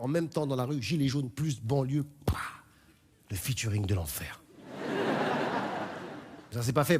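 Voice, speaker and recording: A man's voice: medium pitch, darkish tone. Sardonic male stand-up comedian. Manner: sardonic, quick social satire. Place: comedy stage. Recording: noisy live stage recording.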